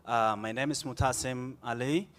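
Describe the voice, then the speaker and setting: A man's voice: medium pitch, steady tone, moderate pace, a bit bright. A man in his early thirties with a Sudanese accent, introducing himself as a panelist at a conference. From Darfur, Sudan. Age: early 30s. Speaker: student panelist.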